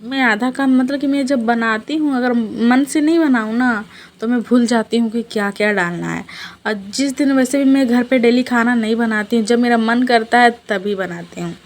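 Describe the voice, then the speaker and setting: A woman's voice: on the high side, normal speed, poor audio. Chatty young woman narrating her vlog. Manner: chatty storytelling, addresses viewers as friends. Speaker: vlogger. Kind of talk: casual vlog voice-over narration. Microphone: voice-over dubbed at home.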